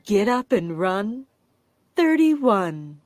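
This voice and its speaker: A woman working as a bingo caller, announcing rhyming number nicknames in short, deliberate, separated calls. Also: mid-range voice, very animated. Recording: loud music behind the voice. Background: loud music.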